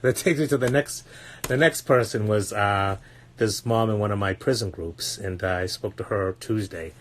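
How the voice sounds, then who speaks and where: A man's voice: lowish voice, normal speed, a little hiss or hum. Blunt, swearing male podcast coach. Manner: earnest, repeats words while searching for them. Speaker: parenting coach and podcast host. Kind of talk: casual podcast monologue.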